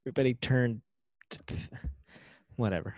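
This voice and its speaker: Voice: medium pitch, brisk, a little mellow, no echo, studio quality. A podcast co-host in casual chat, playful and laughing often, mimicking others.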